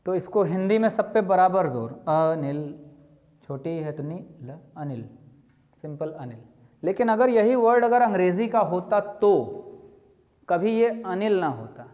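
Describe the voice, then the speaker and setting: A man teaching a lively lesson, explaining with spoken examples and asking his students questions as he goes. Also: sits high, a little slow. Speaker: English teacher. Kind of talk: classroom-style lecture. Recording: dull lo-fi sound with long reverb.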